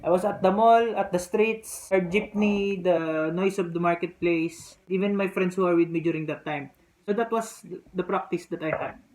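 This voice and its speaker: In a mid-range, steady voice that's a little mellow, a native Filipino speaker from the Philippines talks at normal speed, casually offering practical test tips to the camera with a Filipino accent. The audio is poor and has clear background noise.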